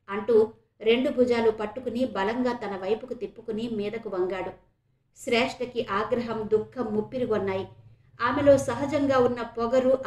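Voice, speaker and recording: A woman from Visakhapatnam, India, reading a serial novel aloud in a steady, expressive way. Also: fairly high pitch, reverberant. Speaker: audiobook narrator.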